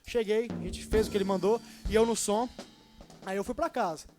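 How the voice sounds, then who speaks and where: A man in his twenties from Brazil preaching a sermon and telling his own story, swinging between loud and hushed. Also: sits high, a little fast, over music. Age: 20s. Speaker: young preacher. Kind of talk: sermon with personal testimony.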